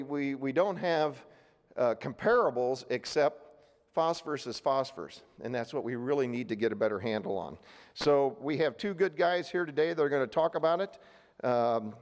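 A man's voice: medium pitch, darkish tone. A middle-aged man from Ohio moderating a panel at a podium, plain-spoken with many fillers and restarts. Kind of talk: public panel remarks. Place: large hotel ballroom meeting. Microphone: podium microphone. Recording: long reverb of a big hall.

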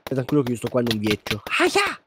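A man in casual gaming chat, excitable, often jumping into squeals. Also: racing. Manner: excitable, pitch leaps into squeals. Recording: noisy home mic.

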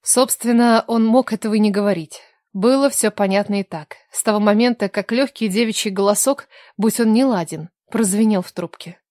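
A woman narrating a romance audiobook in a measured, even storytelling manner. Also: medium pitch, no room sound, studio quality. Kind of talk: scripted narration.

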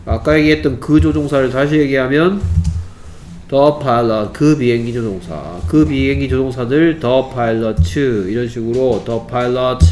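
A man's voice: medium pitch, measured pace, a little mellow. Guy tutoring english one on one, keeps asking quiz questions, faint hiss behind. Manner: patient, quizzing questions. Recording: faint background noise.

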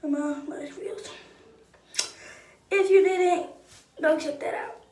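A woman's voice: extremely high pitch, steady tone, unhurried, a little mellow, reverberant, distant mic. A young woman, chatting playfully and rambling while doing her hair for her vlog. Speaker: vlogger.

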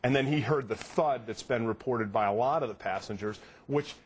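A man's voice: mid-range voice, slight background noise. A man in his thirties, a TV host, giving an earnest, detailed account in a live studio news interview. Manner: earnest, quick, piles on details. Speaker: guest TV host reporting on a case.

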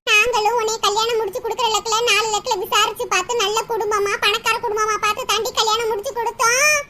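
A woman's voice: very high voice, fairly even intonation, fast talker, sharp tone. A woman voicing an older village mother in a cartoon who lectures and scolds her daughter at length. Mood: coaxing. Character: chatty older village mother giving advice. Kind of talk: cartoon voice acting. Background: music.

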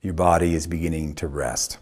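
Calm and unhurried, a yoga teacher guides a meditation in short phrases with long pauses in between. His voice is husky and very deep.

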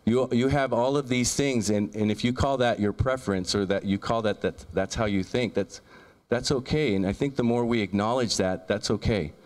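A man's voice: mid-range voice, normal speed, few pauses, darkish tone. Earnest man giving a keynote. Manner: earnest, repeats words and restarts, lists ideas. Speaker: keynote speaker. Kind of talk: motivational keynote talk. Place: large lecture room, in front of a projection screen. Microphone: handheld microphone.

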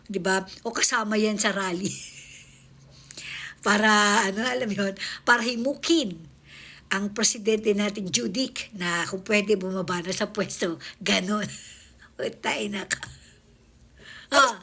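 A woman's voice: medium pitch, a little slow, pauses often, sharp tone, husky. A woman vlogger giving casual reaction commentary, mocking, laughing often and swearing as she talks.

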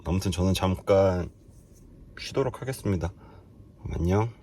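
Camping alone at a winter campsite, a vlogger talks to viewers casually and politely, chatty and addressing the audience directly, both outdoors and in his tent. His voice is low-pitched at normal speed, and the clear recording carries outdoor ambient noise.

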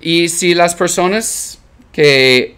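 A man whose first language is English tells a story in casual talk, pausing to search for words and slipping in English ones. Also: fairly high pitch, sharp tone, clear, resonant tone. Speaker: Spanish learner telling a story.

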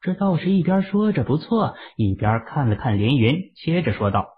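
The audio is thin and phone-like as a male narrator reads an audiobook in a fairly high, husky, breathy voice. He moves at a moderate pace, dramatic and expressive, his tone lifting and dipping with the story.

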